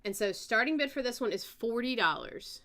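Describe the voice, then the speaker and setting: A woman with a Southern American accent hosting a live-stream auction, chatting in an unhurried way as she reads out kit details and starting bids. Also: on the high side, lively intonation, fairly bright tone.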